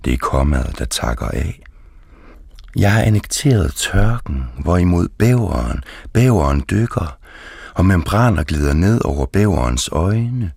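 Man reading poems real slow, super deep voice, gravelly, dry close sound. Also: big pitch swings, darkish tone, dry recording. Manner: slow, deliberate, measured. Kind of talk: poetry reading.

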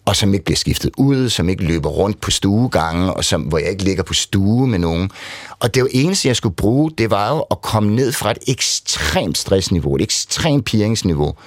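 A man's voice: lowish voice, animated, dry recording, clean studio sound. A middle-aged man, telling his story candidly and rambling as an interview guest, often tagging on "ikke?". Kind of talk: conversational storytelling.

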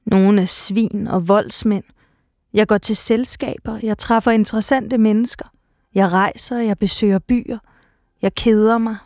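Woman playing a lonely, ambitious stage actress; slow, deliberate monologue delivery, dry mic. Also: mid-range voice, a little mellow, no echo, natural voice. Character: proud lonely woman actress and writer, restless. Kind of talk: theatre monologue.

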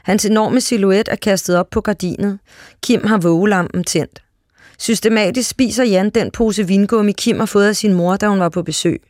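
A reader narrating a literary short story aloud in a calm, steady way. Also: medium pitch, no echo, studio quality.

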